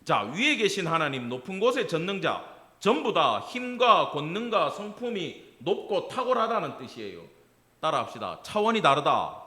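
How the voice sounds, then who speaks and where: A man's voice: fairly high pitch, very animated, normal speed, sharp tone. A middle-aged man preaching a Wednesday sermon as pastor, acting out family dialogue and asking the congregation questions. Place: church sanctuary.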